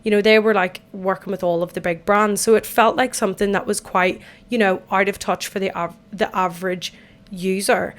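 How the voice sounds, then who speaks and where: A twenty-something Irish woman hosts a solo podcast from an empty bathtub at home, rambling chattily and running herself down, her voice croaky following a night out. She speaks at a moderate pace in a medium-pitched voice with fairly even intonation.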